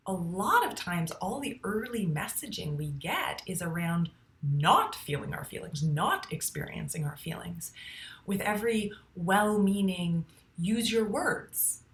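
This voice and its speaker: A woman's voice: fairly low pitch, lively intonation, unhurried, fairly bright tone, echoey room. A woman psychotherapist hosting a show, explaining things in a casual, teaching way and sometimes using playful sound effects. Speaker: psychotherapist and podcast host.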